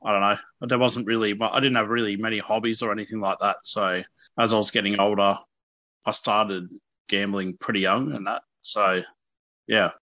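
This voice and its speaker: A man's voice: lowish voice, steady tone, moderate pace, pushed and bright, dry recording. An Australian man in his early thirties speaking candidly as an interview guest, in an informal, hesitant and self-deprecating way. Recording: dull, lo-fi radio audio.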